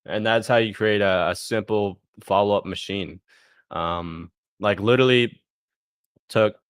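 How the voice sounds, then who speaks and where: Sharing his screen live, a man casually demos some software, thinking out loud while clicking and punctuating each step with "boom." He has a clean tone, captured in a dry, studio-quality recording.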